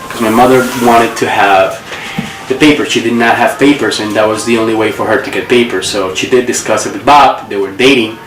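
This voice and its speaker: A man in his forties from Colombia, speaking English, who tells his life story reflectively and pauses to recall details. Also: on the low side, fairly even intonation, background noise. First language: Spanish. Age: 40s. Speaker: interviewee. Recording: roomy echo, distant mic, faint ambience.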